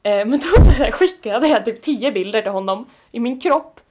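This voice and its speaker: A woman's voice: a little high, lively intonation, a little mellow. A woman in casual chat, talking openly and acting out her own past thoughts with lots of fillers.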